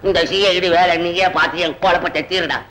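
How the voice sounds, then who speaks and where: A man's voice: high-pitched, steady tone, a little fast, pushed and bright, slight background noise. A blustering, confused father. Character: flustered bossy father, loud and confused. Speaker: father in an old film. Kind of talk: 1950s-60s film acting.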